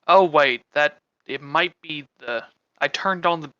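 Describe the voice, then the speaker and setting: Man on a degraded, low-quality voice-chat mic. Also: unhurried, no echo, muffled recording. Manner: relaxed, chatty, trails off mid-sentence. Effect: low-quality, degraded mic sound from noise suppression. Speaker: tabletop game player. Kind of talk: casual online game chat. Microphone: computer mic on a voice call.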